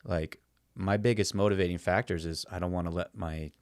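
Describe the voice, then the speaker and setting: A man co-hosts a podcast, talking in a relaxed, reflective way and leaning on casual fillers. His voice is very deep. The recording is dry and close-miked. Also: brisk, dry recording. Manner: easygoing and reflective, many fillers like "you know" and "like". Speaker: podcast co-host. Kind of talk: casual conversation.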